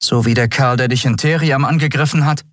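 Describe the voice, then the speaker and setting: A man's voice: mid-range voice, fairly even intonation, a little fast, fairly bright tone, dry recording, studio quality, voice pushed up, lightly acted. A man voicing a stern young woman ship captain who questions a captive in terse, demanding lines. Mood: cold, demanding.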